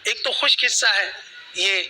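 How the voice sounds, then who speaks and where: A man's voice: sits high, sharp tone, poor audio. A man teaching children to pronounce Arabic letters, patiently drilling each sound and having them repeat it after him. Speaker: Quran recitation teacher.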